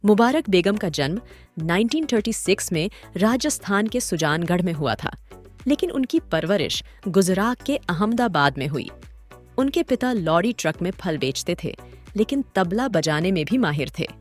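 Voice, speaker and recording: A woman hosts and narrates a scripted documentary story in a dramatic, literary storytelling manner. Her mid-range voice swings widely in pitch at a moderate pace. Music plays in the background.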